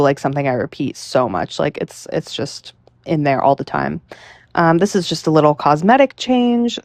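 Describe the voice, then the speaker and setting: Relaxed low-voiced woman vlogging about editing. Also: no room sound. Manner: relaxed, chatty, many "um" and "like" fillers. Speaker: writing vlogger. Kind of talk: casual talk to camera.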